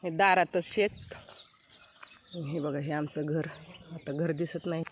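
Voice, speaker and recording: A middle-aged woman vlogger narrates a casual village vlog outdoors around her home and farm, chatty and pointing things out to viewers. Her voice is low and steady, and she speaks slowly. Birds and outdoor ambience sit behind her, with slight background noise.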